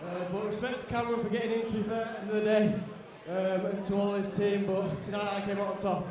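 A man's voice: high voice, level tone, quick pace. A young man, an MMA fighter giving a casual post-fight interview. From Yorkshire, England. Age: young adult. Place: large indoor cage-fight venue. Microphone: handheld. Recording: echoey hall PA, distant, noisy crowd.

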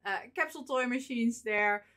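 A woman's voice: on the high side, normal speed, pushed and bright. A woman in her thirties, a vlogger chatting casually about things she bought, with lots of fillers and little laughs. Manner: chatty, rambling, frequent fillers and small laughs. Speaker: vlogger showing convention purchases. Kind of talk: casual unboxing chat.

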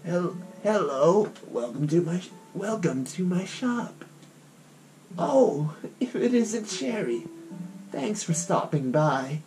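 A man voicing a kindly old grandmother who runs a shop in a game, speaking slowly and softly. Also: high-pitched, animated. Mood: gentle. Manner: slow, soft old-lady delivery. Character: kindly old grandma shopkeeper, gentle and homely. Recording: guitar music playing behind.

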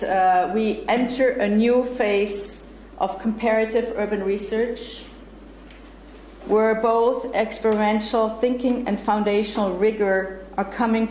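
Speaking in a medium-pitched, darkish voice, a German-native, middle-aged woman lectures academically in English as a guest, reading sections from her paper. Between read passages she laughs readily and chats with listeners. The audio, taken by a room mic on a far camera in a bright indoor lecture room with a projector screen, is echoey with faint noise.

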